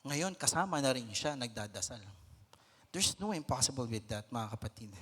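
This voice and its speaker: Animated Filipino preacher in a reverberant church. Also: male voice, medium pitch, moderate pace, breathy edge. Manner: animated, acting out everyday scenes in raised voices. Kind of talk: Taglish sermon. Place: church hall.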